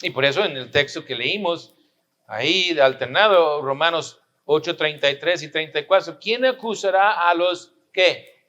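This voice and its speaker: A man's voice: fairly high pitch, normal speed, bright, forceful tone, dull audio. A pastor preaching a sermon, pressing his listeners with rhetorical questions and repeating his points for emphasis.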